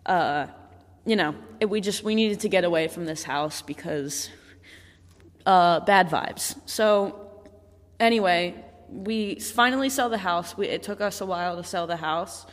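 An eighteen-year-old woman hosts her own podcast and tells a story in a loose, rambling way, restarting her sentences often. Her voice sits a little low, and it rings out in an echoey room with a long tail of reverb. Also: measured pace. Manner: rambling, with many restarts and fillers. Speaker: podcast host. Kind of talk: casual storytelling monologue.

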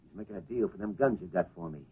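An actor playing a wary, slangy gangster in 1940s radio style, on a tinny old recording. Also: male voice, lowish voice, sing-song, very fast, gravelly, breathy edge, heavily acted. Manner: slangy tough-guy talk.

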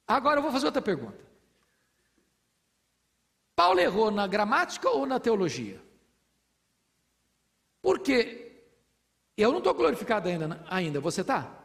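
Man, preacher, expository sermon, rhetorical questions, fervent, gravelly. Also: sits high, big pitch swings, moderate pace, pauses often, a bit bright. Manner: teaching with rhetorical questions, rising to fervent proclamation.

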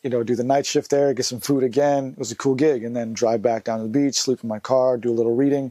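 A man's voice: mid-range voice, fairly even intonation, fast, mellow, dry recording. Laid-back young man rambling. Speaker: vlogger. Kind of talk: casual storytelling monologue.

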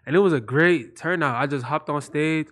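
A young man of about twenty with a slightly high voice, telling stories in a relaxed, slangy casual chat. He drifts from one thought to the next in an easy, unhurried way. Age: 20s. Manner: laid-back storyteller, slangy.

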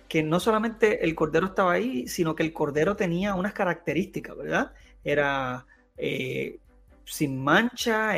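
High-voiced man teaching Bible casually. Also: vocal fry, a bit bright. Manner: keeps adding tag questions, frequent hesitations.

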